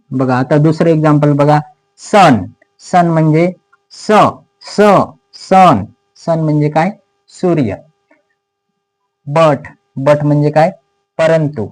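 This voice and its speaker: A man with a Marathi accent teaching English pronunciation in a slow explanatory lesson, repeating each word and its meaning patiently. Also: on the high side, darkish tone, rough recording.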